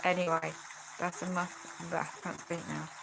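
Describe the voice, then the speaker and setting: Filmed at home on a phone held by a friend, a woman vlogs in a rambling, chatty way, with sighs and tag questions, while congested and losing her voice. Her voice is fairly low, level and creaky, at normal speed, and the background is noisy.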